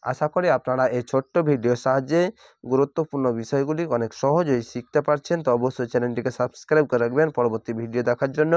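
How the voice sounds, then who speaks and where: A man teaching Quran reading in Bengali, spelling out each letter and vowel mark before blending the full word, with calm step-by-step explanations. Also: mid-range voice, fast talker, no room sound, clean studio sound. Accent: Bangladeshi Bengali. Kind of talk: slow spelled-out recitation lesson.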